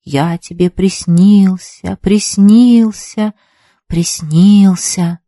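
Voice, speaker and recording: A woman voicing a shy, earnest teenage boy in a storybook reading, speaking in a hesitant, halting way. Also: medium pitch, darkish tone, slightly rough, dry recording, studio quality, close to an everyday voice. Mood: playful.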